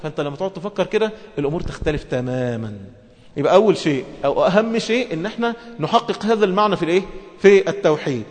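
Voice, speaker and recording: Fast-talking Egyptian preacher in a hall. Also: male voice, high-pitched. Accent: Egyptian Arabic. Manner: lively, talks fast, shifts between colloquial speech and formal reading. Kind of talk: religious lesson. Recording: long hall reverb.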